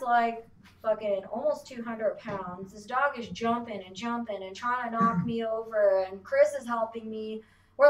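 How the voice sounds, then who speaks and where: A woman who works as a dog groomer, telling stories in casual podcast chat, animated and profane, saying "like" constantly. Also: on the high side, recorded from a distance. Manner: animated, profane, heavy use of "like". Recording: roomy sound, voice off-mic.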